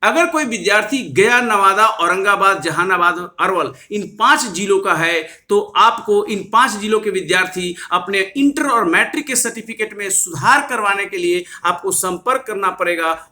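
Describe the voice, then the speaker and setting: Guy explaining stuff off slides, bright voice, says things twice. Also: high voice. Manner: earnest, repetitive, reads out addresses and numbers. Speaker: educational YouTuber explaining board procedures. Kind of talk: slide-based explainer lecture.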